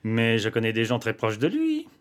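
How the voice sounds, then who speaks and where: An actor playing a hot-headed, jealous young man, sharp and mocking in a radio drama. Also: mid-range voice, wildly swooping pitch, moderate pace.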